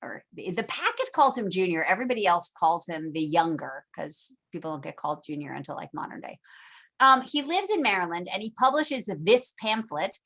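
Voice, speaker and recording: A woman's voice: on the low side, sing-song, fairly quick, fairly bright tone. A woman giving a recorded history lecture in a casual, irreverent way, acting out historical figures in slangy voices.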